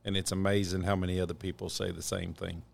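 A man from northern Missouri, a shed hauler and podcast guest, telling stories in a relaxed, self-deprecating way from a hotel room. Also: low-pitched, quick pace, creaky. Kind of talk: casual storytelling.

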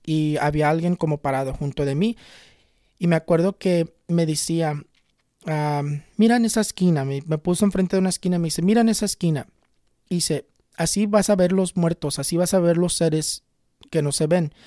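A man in his twenties, a tarot reader and spiritual healer, telling a personal story in an earnest, unhurried way with frequent restarts. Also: on the high side, steady tone, mellow, no echo, studio quality. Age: 20s. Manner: earnest, unhurried, often restarts and repeats words. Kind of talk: casual personal storytelling to camera.

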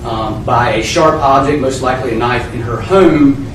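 A man's voice: mid-range voice, moderate pace. Very echoey, distant man at a hearing. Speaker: prosecutor. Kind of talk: official statement at a hearing. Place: bond hearing, indoors. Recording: very echoey, distant, noisy hearing room recording.

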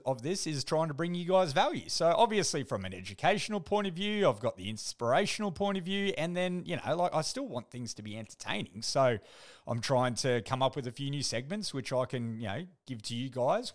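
Middle-aged man, Australian accent, blokey tradie manner, high voice, very lively intonation, casual podcast host, sweary slang. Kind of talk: casual solo podcast chat.

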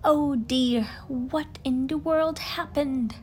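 A woman voicing a brisk, take-charge rabbit with a decisive manner. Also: sits high, lively intonation, gravelly, slight background noise, pitched above the performer's own voice, full character voice. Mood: concerned.

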